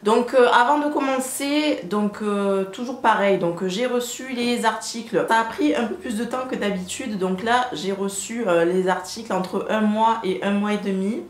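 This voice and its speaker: A woman's voice: mid-range voice, moderate pace, few pauses. Chatty French-speaking woman in an echoey room. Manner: chatty, many hesitant fillers. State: hot and sweating. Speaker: fashion vlogger. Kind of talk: casual haul vlog to camera. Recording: roomy, faint background hum.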